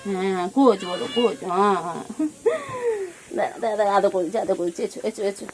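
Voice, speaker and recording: A woman's voice: mid-range voice, steady tone, quick pace, a little hiss or hum. A woman filming her cats at home, talking baby talk to them in a cooing, sing-song way with lots of repeated words. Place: home with pets.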